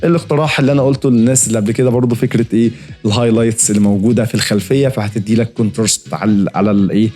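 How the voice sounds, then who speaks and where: A man's voice: fairly low pitch, fairly even intonation, very fast, warm tone, soft background music. A young man with an Egyptian Arabic accent giving a casual, chatty design critique, full of fillers and friendly asides. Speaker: design reviewer host.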